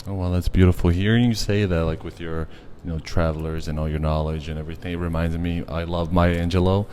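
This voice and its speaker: A male podcast host from Brazil with a very low voice. He asks his questions in an effusive, meandering way and keeps praising his guest's answers. There is faint noise in the background. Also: steady tone, fast talker. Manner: warm, effusive, filler-heavy questions. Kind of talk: interview conversation.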